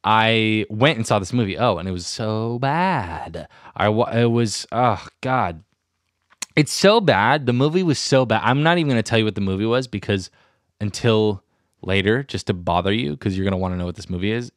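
A man's voice: lowish voice, a little fast, dry recording, studio quality. A young man hosting his own podcast, rambling and self-deprecating in a casual solo chat. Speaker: podcast host. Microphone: studio mic with headphones.

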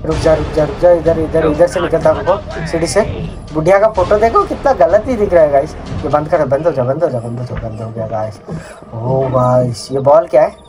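An excitable man commentates his horror gameplay and keeps talking to his viewers. His pitch sits a little high, and he yelps and repeats words whenever something startles him. Loud game music runs behind him. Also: normal speed. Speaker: gaming channel host.

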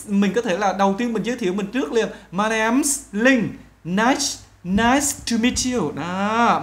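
A woman teaching an online English lesson. She explains in Vietnamese, speaks straight to the viewers, and says English phrases slowly for learners to repeat. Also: on the low side. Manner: addresses viewers directly and often.

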